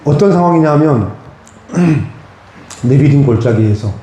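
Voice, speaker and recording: A man's voice: fairly high pitch, animated, slow, mellow, slight background noise. A man preaching a sermon as pastor, earnest and direct, speaking plainly to his congregation. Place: church sanctuary. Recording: very echoey church hall.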